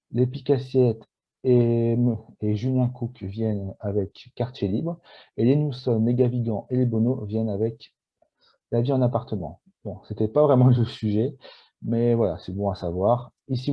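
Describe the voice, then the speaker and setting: A shy, nervous man talking through a video game on screen, with many fillers and restarts. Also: lowish voice. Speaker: gameplay video maker. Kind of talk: casual game walkthrough. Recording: dull lo-fi sound.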